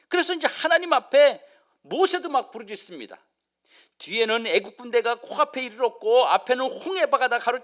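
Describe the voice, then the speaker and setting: A middle-aged male pastor preaching a sermon, retelling the story with lively acted-out lines for the people in it. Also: very high voice. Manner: animated storytelling, acting out voices of the people and God.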